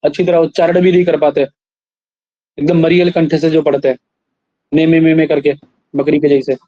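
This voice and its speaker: A man teaching a class, slowly reciting verses, then explaining them and quizzing his students. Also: fairly high pitch, flat delivery, no room sound, muffled recording. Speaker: Sanskrit teacher. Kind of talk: classroom lecture.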